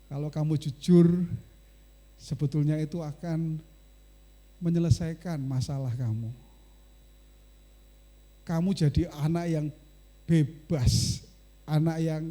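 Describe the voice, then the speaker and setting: A male pastor voicing a stern old moustached man who speaks slowly and calmly. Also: on the high side. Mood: gentle.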